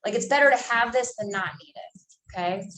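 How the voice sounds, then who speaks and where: A woman in her twenties, working as a sales trainer, coaches new sales agents in an emphatic way, using lots of fillers. Her voice is fairly high, a bit bright, and fairly quick. She's recorded from far off in an echoey room with faint ambience.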